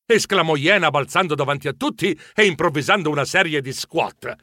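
A man narrating a children's story in the first person, with animated, expressive delivery. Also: fairly high pitch, a little fast, no room sound, clean studio sound. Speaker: audiobook narrator.

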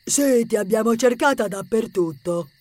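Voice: mid-range voice, a little slow, a little mellow, dry recording, natural voice. An actor voicing a nervous, fussy teenage boy who stammers when scared, in an audiobook story. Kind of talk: audiobook character acting.

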